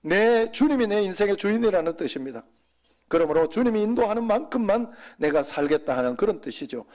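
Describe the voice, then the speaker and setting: A man preaching a sermon as senior pastor, talking conversationally and dropping suddenly to soft, quiet asides. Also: high-pitched, lively intonation, fairly quick.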